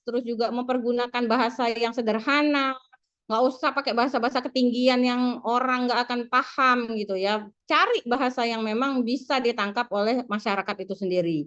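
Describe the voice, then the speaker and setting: A woman's voice: sits high, a bit bright. A woman giving a classroom lecture to students, with rising and falling intonation, speaking to them directly. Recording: dull lo-fi.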